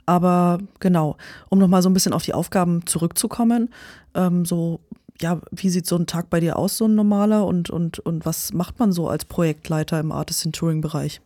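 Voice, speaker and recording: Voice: mid-range voice, steady tone, brisk, warm tone, no echo, clean studio sound. An interviewer asking questions in a friendly, casual way, hedging often with fillers.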